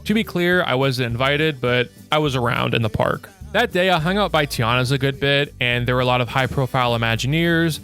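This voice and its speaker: Young male video essayist, mid-pitched, blunt and opinionated, reading over a faint music bed. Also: a little fast, hardly any pauses, a bit bright. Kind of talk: scripted video essay narration.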